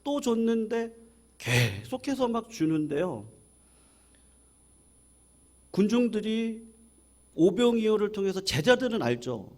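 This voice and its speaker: A male pastor delivers a Sunday morning sermon at a church service. His voice sits somewhat high and moves through a wide, lively melodic range. He tells the story with animation and keeps turning to the congregation with questions. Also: slow, long pauses. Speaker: senior pastor.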